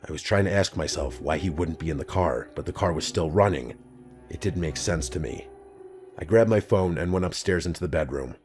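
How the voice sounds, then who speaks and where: A man reading a scripted first-person horror story in a calm, even storytelling delivery. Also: low voice, brisk. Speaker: narrator. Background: faint background music.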